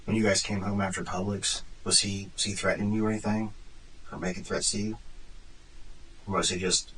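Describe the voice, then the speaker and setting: A man's voice: fairly low pitch, flat delivery, a little fast, fairly bright tone, a little hiss or hum, poor audio. A man questions someone as a police interrogator in a plain, matter-of-fact way. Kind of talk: investigative questioning.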